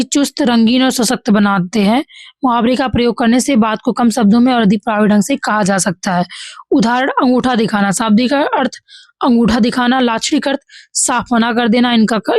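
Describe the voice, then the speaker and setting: Woman teacher, Bihari Hindi accent, fairly high voice, dry close recording. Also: dry recording. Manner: reads examples then corrects them, says "ठीक है" often. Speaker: exam-prep teacher. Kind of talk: hindi grammar lesson walkthrough.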